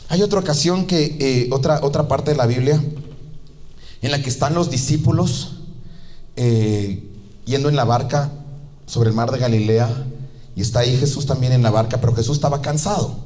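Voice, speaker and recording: A man preaching a sermon as pastor, telling the story lively and acting out the voices of the people in it. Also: normal speed, long pauses. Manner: animated storytelling, acting out voices with big pitch jumps.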